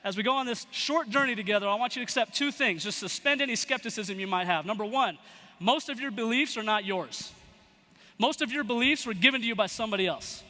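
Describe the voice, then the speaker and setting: A young man giving a motivational talk to a live audience, telling a story with lively acted-out quotes. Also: high voice, fast talker. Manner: animated storyteller acting out quoted voices. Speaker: motivational speaker. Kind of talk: storytelling keynote speech. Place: large event hall. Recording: long hall reverb.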